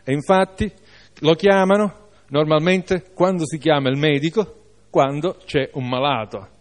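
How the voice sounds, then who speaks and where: Italian-speaking preacher, slightly high voice. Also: male voice, a little slow. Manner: reads scripture then exhorts with asides. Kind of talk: sermon with Bible reading.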